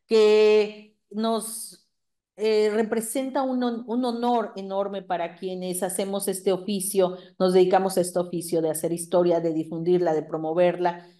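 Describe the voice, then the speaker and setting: Female interviewer, warm-toned mellow voice, courteous, filler-heavy delivery. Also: mid-range voice, level tone, a little slow. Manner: courteous, hesitant with many fillers. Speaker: interviewer host. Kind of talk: formal interview hosting.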